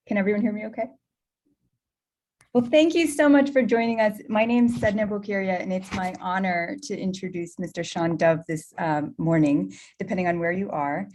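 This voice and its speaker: A woman reads a speaker's introduction over a video call. Her voice is mellow and soft-edged, and she gets a little breathless partway through the long list. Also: medium pitch, fairly even intonation, moderate pace, slight background noise. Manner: warm, slightly breathless reading with small laughs. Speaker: event moderator introducing a guest.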